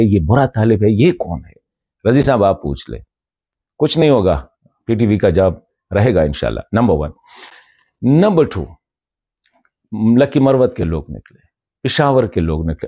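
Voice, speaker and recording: In a dry recording, a journalist and commentator from northwest Pakistan's Khyber Pakhtunkhwa speaks straight to a colleague, posing rhetorical questions and offering respectful reproach in a commentary video. His medium-pitched voice is warm and slightly rough.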